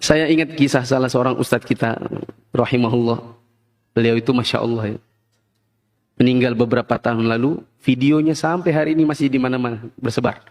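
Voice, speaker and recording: A man preaching a sermon, telling lively stories and acting out family members yelling at each other. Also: medium pitch, fairly quick. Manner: animated storytelling, acts out family members yelling. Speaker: Islamic preacher.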